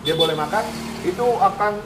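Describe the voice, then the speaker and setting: A man's voice: high-pitched, a little fast, noisy background. A man, a dog behavior trainer, explaining and coaching owners in a firm, casual way, mixing in English commands. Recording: roomy, distant mic, music behind.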